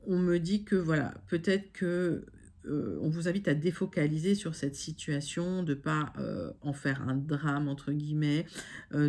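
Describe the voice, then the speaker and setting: A tarot card reader gives a casual online reading in a low, slightly mellow female voice. She addresses her viewers directly as friends and reassures them, often using fillers and correcting herself.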